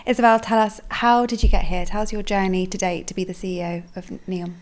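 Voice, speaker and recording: Woman podcast host, middle pitch, chatty interview style. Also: little pitch movement, fast, a little mellow. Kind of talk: conversational interviewing.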